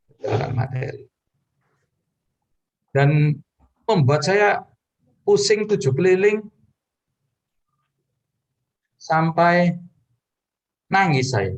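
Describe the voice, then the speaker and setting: A man's voice: slow, pauses often. A man preaching in a personal testimony, telling his story earnestly to the congregation and addressing them directly. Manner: earnest storytelling with sudden pitch rises.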